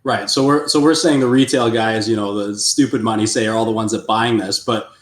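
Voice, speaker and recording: A man talks quickly and loosely, stacking up fillers as he chats on a finance podcast. His voice carries a roomy echo, as if he is sitting in an open room. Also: lowish voice, fairly even intonation. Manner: loose, filler-heavy talk. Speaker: podcast co-host. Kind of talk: casual chat.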